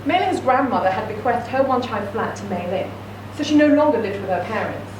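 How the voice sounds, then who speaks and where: In an echoey room, a woman with a slightly high voice reads a short story aloud, expressive and a little fast. The mic sits at a distance and the recording is noisy.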